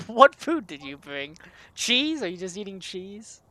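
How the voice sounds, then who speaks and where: A woman's voice: medium pitch, sing-song, slow pace, bright, forceful tone, dry recording. A woman narrating as dungeon master, chatty and loose, with frequent laughs and fillers. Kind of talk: narrating a tabletop game.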